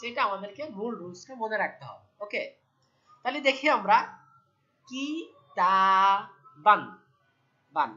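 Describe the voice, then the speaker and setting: A woman's voice: a little high, sharp tone, muffled recording. A woman teaching Quran reading step by step, patiently repeating each point and checking that the students follow. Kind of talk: step-by-step lesson.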